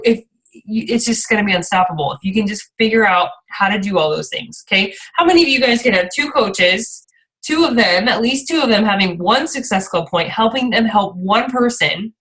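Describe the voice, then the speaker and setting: The audio quality is poor, and the woman's voice is fairly high. Coaching her team on an informal call, she wanders a little in her talk, regularly checks in with listeners, and offers them encouragement as their leader.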